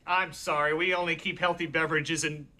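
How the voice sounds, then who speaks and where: An actor playing a polite, hesitant dad who stammers in a sitcom. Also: male voice, on the high side, level tone, brisk. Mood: awkward. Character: polite, awkward family dad. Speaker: father of the family. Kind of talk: sitcom acting. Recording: sitcom audio with loud background noise.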